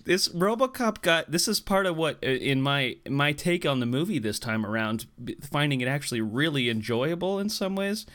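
A man casually discussing a film, retelling scenes with amused, animated energy. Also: on the high side, normal speed. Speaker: podcast co-host.

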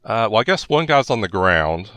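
A man narrating a tabletop game as game master in a halting, improvised way. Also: on the low side, sing-song, fairly bright tone, no echo.

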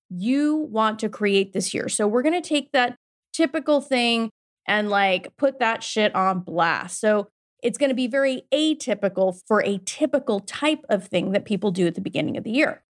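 A middle-aged woman hosting a podcast as a mindset coach, giving an emphatic, informal motivational pep talk sprinkled with swearing and pet names. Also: on the high side.

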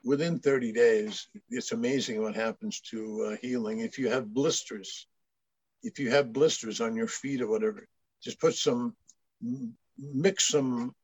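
A man's voice: mid-range voice, no room sound. Older man from Maine, rambling. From Maine, USA. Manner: rambling storyteller with frequent restarts. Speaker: guest. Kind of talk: casual chat. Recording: dull lo-fi dry sound.

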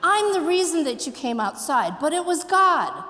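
A cheeky teenage boy, as a woman puts him on, eager and coaxing, his voice pitched up high and bright. He pleads his case with a grin. It rings out with the long reverb of a large hall. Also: sing-song, moderate pace. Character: cheeky teenage boy student, grinning and persuasive.

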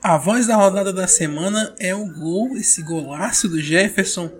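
A woman's voice: fairly low pitch, moderate pace, background noise. A Brazilian woman hosting a football show, narrating a scripted round-up of results. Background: music bed.

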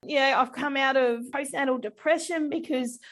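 A woman's voice: high-pitched, normal speed, fairly bright tone. A woman in her thirties hosting a casual interview, emotional and laughing often. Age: 30s. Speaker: podcast host.

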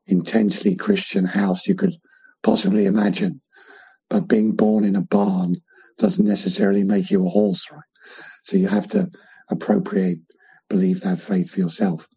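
A middle-aged man with a hoarse, croaky voice and creaky vocal fry, giving reflective testimony as a podcast guest. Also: deep voice, dark tone, low-quality recording. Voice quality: croaky, gravelly, husky voice.

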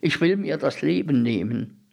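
A man's voice: fairly high pitch, lively intonation, measured pace, vocal fry, darkish tone, heavily acted. A man voicing a weary young soldier returning from war in a story reading.

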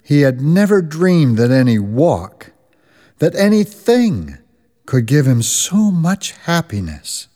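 An actor narrating a Christmas radio drama as a storyteller, measured and expressive. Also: male voice, on the high side, heavily acted. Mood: measured storytelling. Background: music.

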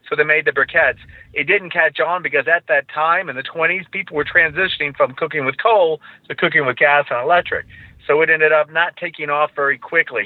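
A man with a fairly high voice explains things at length as a podcast guest, often stumbling over the first words of a sentence before he finds his way. He comes through a narrow, tinny line like a phone call. The sound is dry, with no room around it. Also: no room sound. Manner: explanatory, repeats words when starting sentences. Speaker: charcoal company representative.

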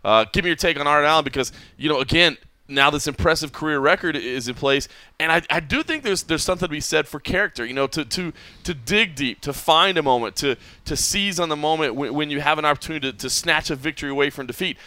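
Crisp-voiced podcast host. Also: male voice, a little high, sharp tone. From Texas, United States. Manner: talkative, restarts phrases, quick to laugh. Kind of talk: casual post-fight recap chat.

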